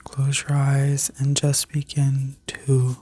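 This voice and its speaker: Slow, breathy whispering woman, sleep-story ASMR narrator. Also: very deep voice, completely flat delivery. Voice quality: breathy, mostly unvoiced whisper. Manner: soothing, slow, gently instructing. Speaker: ASMR reiki healer and video host.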